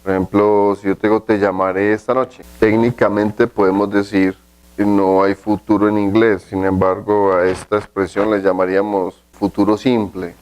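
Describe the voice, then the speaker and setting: A man giving an English grammar lesson, explaining step by step and saying the English example sentences slowly and carefully. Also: lowish voice, little pitch movement, darkish tone, clean tone, poor audio. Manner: slow, deliberate pronunciation of English examples; explanatory, with frequent "¿cierto?" checks. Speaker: English teacher. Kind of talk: recorded language lesson.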